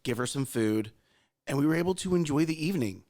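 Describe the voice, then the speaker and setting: On a morning show, a co-host in his thirties speaks straight to the audience, recounting a personal parenting story earnestly and going over the same points again. His voice is on the high side, expressive and darkish, and he talks at a quick pace.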